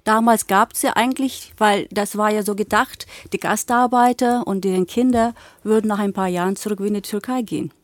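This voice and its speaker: A woman's voice: medium pitch, fairly even intonation, brisk, few pauses, dry recording. A woman in her forties, born in Bulgaria with Turkish as her first language, speaking earnestly as a teacher and guest on a talk show. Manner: earnest, fluent with some hesitations.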